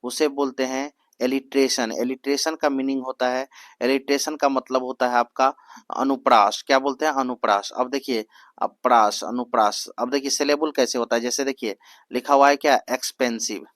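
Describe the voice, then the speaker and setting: A young exam coaching teacher runs a Hindi exam-prep lesson mixed with English at an even middle pitch, asking "what is it called?" and repeating each answer as a drill. He reads the English prompts slowly, word by word, in a dry, close recording with no room echo.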